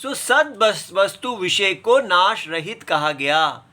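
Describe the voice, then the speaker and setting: A man teaching scripture at a very unhurried pace, with a slightly high, bright voice. He explains patiently and breaks each word into its syllables, sometimes reciting verses in a slow chant. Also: expressive.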